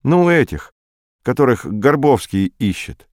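A man voicing a young man on the radio who talks hurriedly, half under his breath, in a higher voice. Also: sing-song, a little slow, a little mellow, no echo, studio quality.

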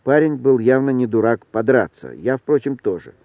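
A man reading a story aloud in an even, wry narrating manner. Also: medium pitch, moderate pace, no echo. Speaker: audiobook reader. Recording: thin phone-like sound, dry.

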